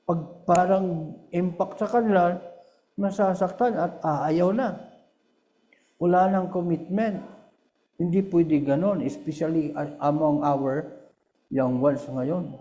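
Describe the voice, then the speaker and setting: Older man, Filipino accent, missionary preacher, earnest admonishing devotion, fairly high voice, mellow tone. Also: slow, pauses often, muffled recording. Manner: switches often between Tagalog and English, earnest and admonishing. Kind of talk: short sermon devotion.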